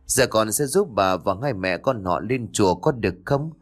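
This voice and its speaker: A man voicing a calm, gentle young male Buddhist exorcist who speaks in a measured, persuasive way. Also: fairly low pitch.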